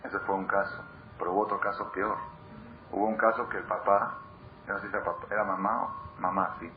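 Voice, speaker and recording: In a dull lo-fi recording with noticeable background noise, a man leads a live Torah class. His lowish voice moves little in pitch and runs fairly quick, yet he is emphatic, repeating words for stress and asking his audience questions.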